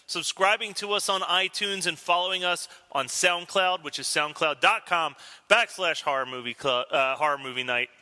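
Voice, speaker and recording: A man hosting a horror podcast with a very bright, forceful voice, a touch high in pitch. He talks loosely and laughs often as he wraps up the episode. His voice rings with a long room reverb. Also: moderate pace. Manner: laughing, loose sign-off patter. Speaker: podcast host. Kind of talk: casual chat.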